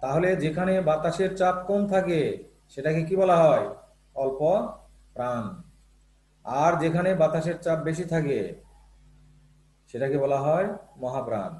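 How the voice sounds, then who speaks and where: A man's voice: on the high side, a little slow, long pauses, a little mellow, echoey room. A male teacher explaining Bangla sounds in a lesson, patient and repetitive, often checking that students follow, with a Bangladeshi Bangla accent. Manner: explains patiently, repeats terms and checks with "ঠিক আছে?". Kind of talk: classroom lesson on Bangla phonetics.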